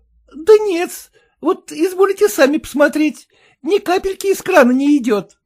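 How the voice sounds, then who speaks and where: A woman's voice: sits high, lively intonation, normal speed, a little mellow. A man reading a story aloud, voicing an anxious young housemaid with a pleading, defensive manner. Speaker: character in a read story.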